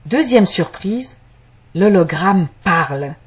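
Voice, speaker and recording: Woman narrator, learner audio story, bit low and husky, measured careful reading. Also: animated.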